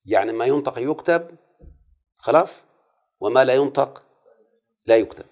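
A man with an Egyptian accent teaches a classroom lesson on Arabic prosody, repeating the rules and asking frequent questions to make sure his students follow. His mid-range voice is expressive and somewhat dark, at a moderate pace.

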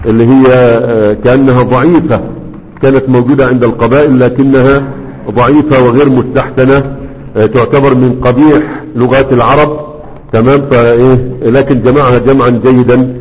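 A man's voice: mid-range voice, highs cut off. Man lecturing in an echoey hall. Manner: explains and checks in with students often. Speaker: teacher. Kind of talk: classroom lecture.

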